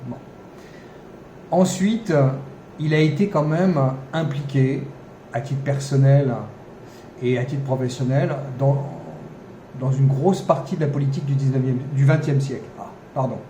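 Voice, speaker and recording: A man's voice: mid-range voice, a little slow, dark tone. A man hosting a podcast, talking off the cuff with many fillers, restarts and wry ironic asides. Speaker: podcast host. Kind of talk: unscripted commentary monologue. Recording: echoey room, faint background noise.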